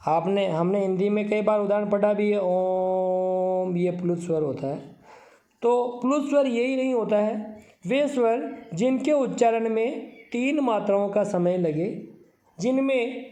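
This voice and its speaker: A man's voice: high voice, mellow, echoey room. A man teaching a Sanskrit grammar lesson for exam preparation, reciting definitions and then explaining them plainly, drawing out vowels to show the sounds. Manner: drawn-out vowels when demonstrating sounds.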